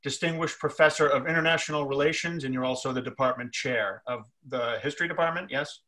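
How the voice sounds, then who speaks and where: Bright-voiced male host, halting. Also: medium pitch. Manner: halting, many fillers and restarts. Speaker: festival program director, host. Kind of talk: hosting a live video interview. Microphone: webcam on video call.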